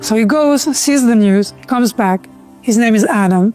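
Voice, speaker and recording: A middle-aged woman, telling her personal story in an earnest, measured way. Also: fairly high pitch, mellow, clear, resonant tone, faint music behind. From Lebanon. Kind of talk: personal testimony.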